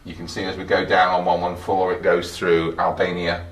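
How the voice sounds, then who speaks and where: Speaking in a low, monotone voice at normal speed, an older or middle-aged man explains things plainly while guiding an informal technical tour. Faint background noise and a roomy echo fill the recording.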